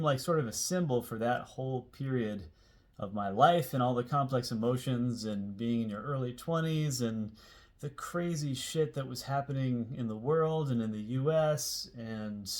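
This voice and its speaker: Speaking with a mid-range voice, a Seattle-area man in his forties shares a personal story as host. His delivery is loose and meandering, like talking to familiar viewers, with extra emphasis landing on important words.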